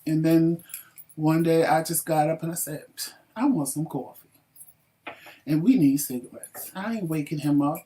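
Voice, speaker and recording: A man co-hosting a talk show, telling a story casually with lively acted quotes and frequent swearing. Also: a little high, normal speed, recorded from a distance. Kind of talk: casual chat.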